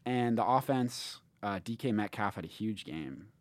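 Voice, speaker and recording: A low-pitched man hosts a sports podcast, laid-back and analytical. He trails off with frequent ums as he thinks. His voice sits dry and close on the mic. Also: lively intonation, normal speed, no room sound. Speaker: podcast host. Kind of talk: casual sports podcast chat.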